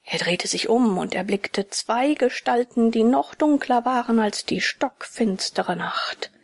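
Brief: expressive female storybook narrator, higher voice, creaky husky texture. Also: a little slow, no room sound, studio quality. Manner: expressive, often soft and hushed.

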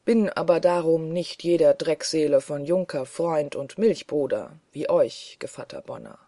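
A reader voicing a mocking, defiant male prisoner in an audiobook, loud and taunting. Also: mid-range voice, unhurried, no echo. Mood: scornful. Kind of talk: audiobook character voice.

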